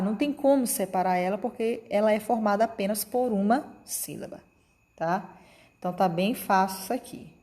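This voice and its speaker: A woman's voice: medium pitch, a little mellow. A woman teacher, giving a lesson to children and checking in often with short questions. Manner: patient, explanatory, checks in with "tá?" and "ok?". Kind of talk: remote class lesson for children.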